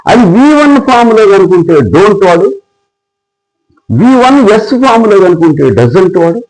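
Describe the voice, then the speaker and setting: A man's voice: high voice, expressive, moderate pace, a little mellow, low-quality recording. A middle-aged man with a Telugu accent teaching an English grammar lesson, explaining emphatically and drilling word pairs.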